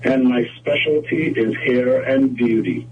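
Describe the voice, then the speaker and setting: A man from Trinidad and Tobago speaks as a guest on a radio talk show, explaining his work in a measured, steady way. His voice sits at a middle pitch. It sounds distant and dull, with a faint hum behind it. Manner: measured, explanatory, with frequent "mm-hmm" and "whatnot". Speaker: guest photographer. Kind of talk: radio interview.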